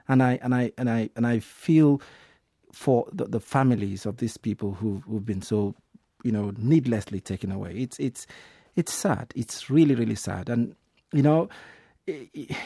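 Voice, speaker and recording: A man's voice: mid-range voice, gravelly, warm tone, husky, no room sound, studio quality. A Nigerian-born man, a filmmaker, speaking emotionally with many ums and repeated words. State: emotional, voice breaking. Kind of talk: emotional radio call-in comment.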